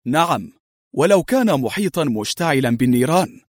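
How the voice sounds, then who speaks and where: A man voicing a cool-headed male secret agent who speaks calmly and tersely. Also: a little high, brisk, no room sound, clean studio sound. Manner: calm and terse.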